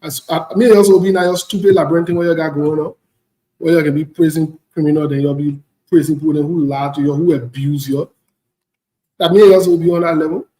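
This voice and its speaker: Speaking fairly quickly in a dark-toned, fairly high voice with fairly even intonation, a man from Ivory Coast rants about politics in an echoey room. His West African delivery is blunt, indignant, and unscripted, like an online commentator's, and he hammers phrases through repetition.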